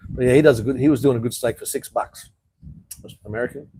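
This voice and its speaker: A man's voice: medium pitch, fast talker, warm tone, breathy edge, no echo, low-quality recording. Blunt Australian man chatting live. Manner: blunt, swears often, says "mate". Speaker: live-stream host reading chat. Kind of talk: casual live chat.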